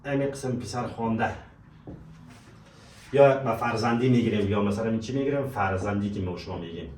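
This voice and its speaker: A man teaching vocabulary, repeating words slowly and calling his students dear friends, in an echoey room away from the mic. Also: on the low side, darkish tone, distant mic, slight background noise. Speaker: language teacher.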